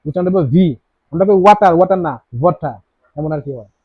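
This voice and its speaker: A man with a fairly high voice races through a grammar lesson delivered with a tinge, peppering his students with questions and repeating key words. The recording is dry, slightly dull and lo-fi.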